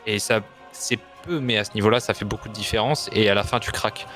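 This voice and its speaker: A man with a slightly low voice gives casual esports analysis. He explains things informally with emphatic repetition, over faint music. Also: fast talker, fairly bright tone.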